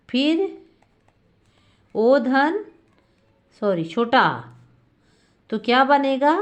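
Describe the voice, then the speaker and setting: A woman's voice: on the high side, highs cut off. A woman teaching a Sanskrit grammar lesson, asking questions and answering them herself, drawing out key sounds. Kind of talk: classroom lesson explaining grammar.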